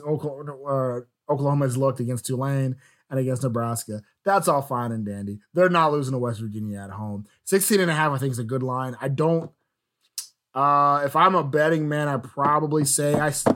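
A man co-hosting a casual sports podcast, animated and laughing often, with frequent "um"s. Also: mid-range voice. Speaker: podcast co-host.

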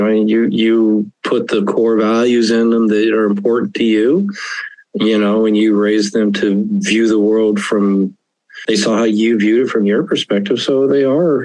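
In a conversational interview, an author in his fifties answers earnestly, chuckling frequently, in a fairly low, darkish voice at normal speed. The audio is rough and has no room sound.

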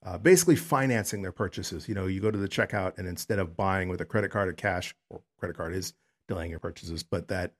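A man hosting a solo podcast, talking in a rambling, chatty way with lots of fillers. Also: fast talker. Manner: rambling and chatty, many fillers, pitch jumps up on greetings. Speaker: podcast host.

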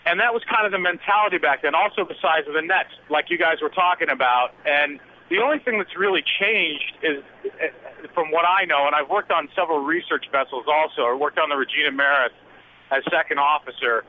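A middle-aged man comes through on a clipped phone line, thin and tinny, with a faint rumble of road noise behind him. His voice sits a little high, and he rambles quickly through his anecdote as a radio caller. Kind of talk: call-in storytelling. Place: vehicle on the highway.

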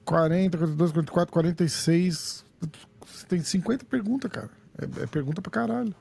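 A man with a Brazilian accent hosting a podcast in casual, slangy chat, with a raspy voice. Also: sits high, fast, a little mellow. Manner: slangy, swearing, informal. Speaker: podcast host.

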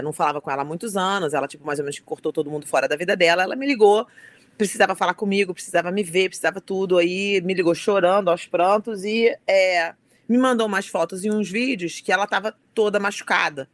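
Fast-talking woman. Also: lowish voice, no room sound. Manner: animated, emotional storytelling. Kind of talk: casual chat.

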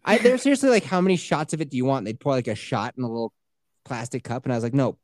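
A woman's voice: rumbling low, animated, fast talker, darkish tone, dry recording, studio quality. A woman telling a funny story in a casual chat, mocking herself and laughing often.

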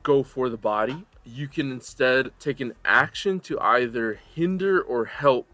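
A man narrating a tabletop role-playing game as game master, telling the scene dramatically with pauses between phrases. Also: mid-range voice, pushed and bright, dry recording.

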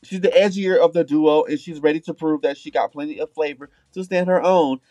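A man's voice: fairly high pitch, steady tone, a little fast, dark tone, dry recording, muffled recording, soft background music. Sassy, campy man with drag queen slang. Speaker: podcast co-host. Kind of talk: casual reality-show review banter.

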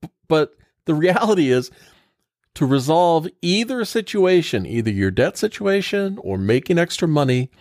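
A man co-hosting a casual chat who gives advice on debt in an emphatic, lively way. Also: a little high, no echo, studio quality. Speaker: debt advisor co-host.

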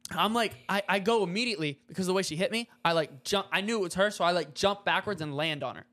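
A man's voice: high voice, quick pace. A young man co-hosting a podcast, telling a story in a casual chat and acting out the other people's lines. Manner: animated storyteller, acts out voices and shouts in quotes. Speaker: podcast co-host.

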